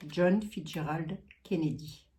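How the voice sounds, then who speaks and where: A chatty woman with a Lorraine accent talks to her viewers like old friends while reading cards. Her voice sits low and soft-edged, and she leans on folksy tags and asides. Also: takes it slowly, a little hiss or hum. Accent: Lorraine French. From Lorraine, eastern France. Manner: chatty, folksy, peppers talk with "hein". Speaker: psychic card reader. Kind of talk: casual chat to viewers.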